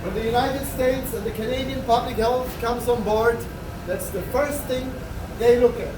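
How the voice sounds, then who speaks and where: In the echoing galley of a large ship, a tour guide addresses his group, chatty and jokey, his loud voice very high-pitched with fairly even intonation at a moderate pace. A far-off camera in the crowd recorded it, picking up loud background noise.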